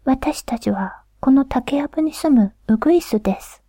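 Woman doing a formal, gentle bird-spirit lady of the house, breathy whisper, dry and close. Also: high voice, expressive, normal speed, no echo, heavily acted. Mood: gently reproachful. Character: polite woman of the house, secretly a bush warbler spirit.

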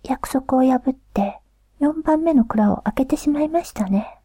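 A woman voicing a courteous mother who is secretly a bush warbler spirit, speaking in a soft formal whisper. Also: sits high, animated, unhurried, slightly rough, no room sound, clean studio sound, exaggerated voice. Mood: gently reproachful.

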